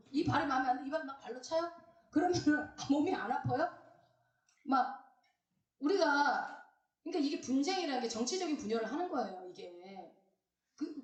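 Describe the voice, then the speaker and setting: A middle-aged woman pastor giving a lively, teasing sermon, asking questions and acting out quoted voices. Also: high voice. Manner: animated, teasing, acts out quoted voices, asks the congregation questions. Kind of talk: lively Bible-study sermon. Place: church hall. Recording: roomy church sound, mic some distance off.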